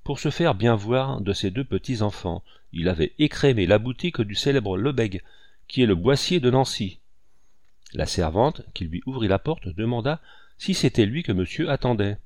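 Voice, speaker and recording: A man reading a classic novel aloud in measured, clear storytelling. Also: fairly low pitch, expressive, a little mellow, no room sound, studio quality. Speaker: audiobook narrator. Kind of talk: scripted narration of a classic novel.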